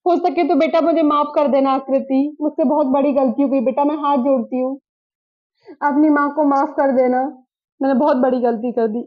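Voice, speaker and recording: A woman's voice: high voice, fairly even intonation, normal speed, natural voice. A woman playing a greedy, regretful middle-aged mother in a drama skit, talking in a pleading, emphatic way. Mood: remorseful. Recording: dull lo-fi recording.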